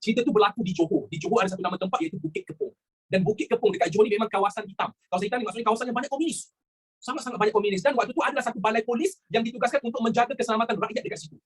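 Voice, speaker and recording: This man has a high, husky voice and races through a chatty history lesson in a Malaysian Malay accent. He mixes in English words, poses rhetorical questions, and repeats what he says.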